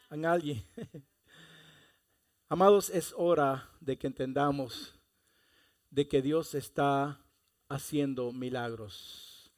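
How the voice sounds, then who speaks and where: A man preaching a sermon, speaking with passion and rising to loud exhortations. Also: on the high side. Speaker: pastor.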